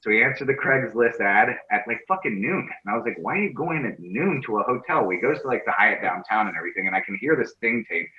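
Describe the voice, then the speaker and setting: A man's voice: on the low side, animated, quick pace, hardly any pauses. A man working as a criminal defense lawyer, telling stories in a casual interview in a brash, profane way. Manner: brash, profane, acts out quoted voices. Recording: echoey dull room sound.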